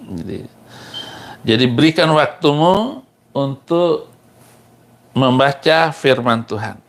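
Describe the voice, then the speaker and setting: Middle-aged preacher, gravelly, slow, mocking, laughs at his own jokes. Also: mid-range voice, animated. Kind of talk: sermon.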